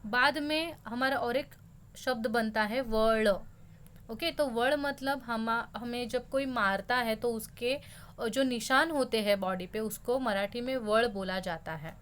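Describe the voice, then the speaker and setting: A woman's voice: a little high, takes it slowly, a bit bright. A young woman teaching a school lesson, explaining words patiently and slipping English terms into her talk.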